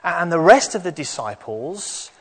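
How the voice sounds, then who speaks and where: A man's voice: fairly high pitch, sing-song, unhurried, fairly bright tone, slightly rough. A man leading an interactive children's sermon in the manner of a kids show host, prompting the children with questions. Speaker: children's talk leader at church. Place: large reverberant indoor hall. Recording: echoey hall with long reverb.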